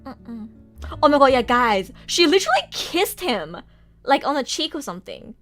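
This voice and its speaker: Brief: a woman streamer with a high, lively voice, ranting casually and laughing often. Faint music plays underneath. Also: moderate pace. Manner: animated, exasperated ranting with frequent laughs and swearing. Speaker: VTuber streamer. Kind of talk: casual livestream chat.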